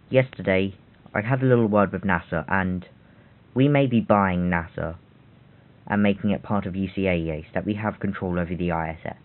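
A man giving rambling game walkthrough commentary with self-mocking asides. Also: fairly low pitch. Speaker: game tutorial host. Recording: tinny phone-like audio.

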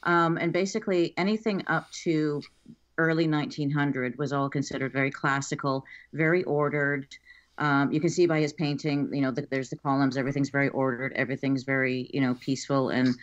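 A woman's voice: rumbling low, steady tone, brisk. Woman guest rambling thru an explanation, lots of ums, kinda muffled lo-fi call audio. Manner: explanatory, with frequent ums and restarts. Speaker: guest expert on art crime. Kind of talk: casual interview explanation. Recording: slightly dull lo-fi audio.

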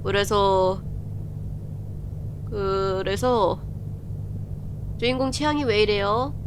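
A woman live-streaming a horror game, chatting and reading the game's text aloud as she plays. She often breaks into quick strings of repeated exclamations. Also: mid-range voice, background noise. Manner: bursts of rapid repeated exclamations.

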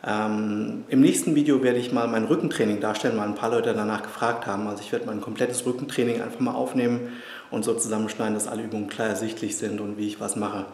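A personal trainer and fitness vlogger in his thirties gives a casual tour of his small private indoor gym, chatting with viewers like friends. His lowish voice moves quickly and stays relaxed, and the echoey room carries a faint background hum.

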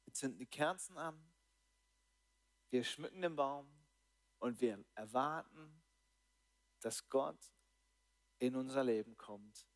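A man preaching a sermon in German, animated, swinging between excited highs and quiet, low lines. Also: slow pace, long pauses. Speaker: pastor. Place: church hall.

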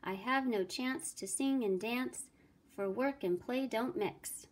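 A dutiful young storybook pig who talks in earnest, rhyming sing-song, voiced by a woman reading aloud. The delivery is unhurried and fairly high, close to an ordinary reading voice. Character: hardworking serious young male pig.

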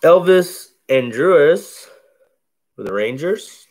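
A man with a deep, bassy, slightly mellow voice hosts a card break, opening packs at an easy, unhurried pace and naming each card in laid-back, casual play-by-play with lively intonation. He's recorded indoors by a camera above a table covered in cards.

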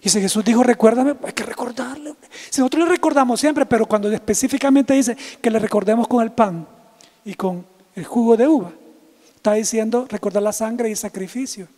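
A man's voice: very high voice, brisk. Pastor guy preaching, teasing, chatty, echo trailing off in a big hall. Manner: lively, teasing, talks to chat viewers. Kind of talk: livestreamed sermon.

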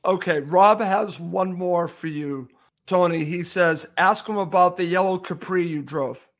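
A man hosts a friendly interview and reads out questions sent in for his guest. His voice sits notably high for a man. He keeps his delivery plain and courteous. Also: unhurried. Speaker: podcast host, interviewer.

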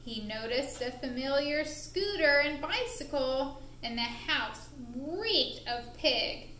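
A woman narrating a puppet show for young children in an expressive, deliberate, playful way, recorded in an indoor room. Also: high voice. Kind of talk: animated storytelling for young children. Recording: roomy echo with faint background noise.

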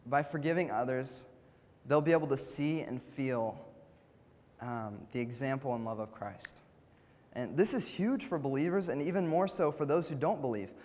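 Young man preaching in a reverberant hall. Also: medium pitch. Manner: conversational, with fillers and direct questions to the audience. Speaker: church intern preaching. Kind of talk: casual sermon. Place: church hall. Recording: long reverb of a church hall.

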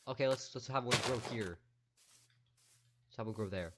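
Over heavy background noise, a young gaming YouTuber with a medium-pitched voice talks at normal speed through casual, upbeat commentary, thinking aloud with lots of fillers. His voice sounds tired and strained from a day of talking.

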